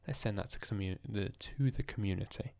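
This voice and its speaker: A young man, talking in a hushed, tired voice as he thinks aloud through language practice in a casual vlog. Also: lowish voice, a little fast, creaky, no room sound. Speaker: language learner vlogger. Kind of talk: casual screen-recorded vlog.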